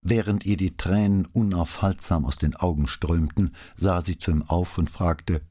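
A man narrating an audiobook in an expressive, measured reading. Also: low voice. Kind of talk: scripted narration.

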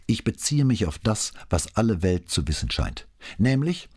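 Guy playing an icy polite commissioner in an audiobook, low husky voice, dry sound. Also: big pitch swings, darkish tone, no room sound. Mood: cold. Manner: coolly polite, deliberately wounding. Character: calm, cutting middle-aged male police commissioner. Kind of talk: audiobook character voicing.

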